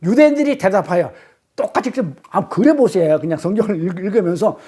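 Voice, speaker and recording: A man's voice: high-pitched, animated, a little fast, dark tone, slight background noise. A male pastor giving a Sunday sermon in blunt, colloquial speech, acting out heated arguments as he preaches.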